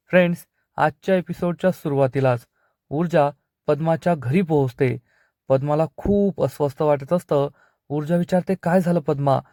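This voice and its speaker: A man's voice: on the high side, a little mellow, no room sound, studio quality. A man narrating a scripted recap of a TV serial episode, teasing viewers with dramatic questions.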